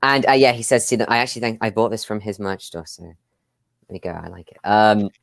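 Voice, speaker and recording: A man's voice: fairly low pitch, a little fast, creaky, no room sound. A man hosting a casual live discussion over a video call, chatty, with many fillers and frequent laughs. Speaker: host.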